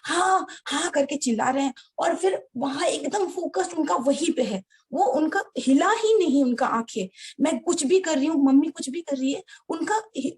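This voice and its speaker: A woman telling a personal story to a devotional gathering, earnest and halting, often addressing her listeners directly. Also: high-pitched, darkish tone. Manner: many restarts and hesitations. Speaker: devotee sharing a personal experience. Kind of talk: heartfelt personal storytelling to an audience.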